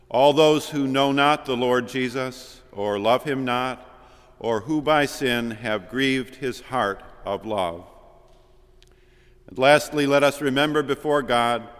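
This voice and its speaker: A man leading a formal liturgical prayer in a university chapel, his measured, solemn reading carried by a cathedral-like echo. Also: mid-range voice, a bit bright, clear, resonant tone. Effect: cathedral-like echo of a large chapel. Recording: long echoing chapel reverb.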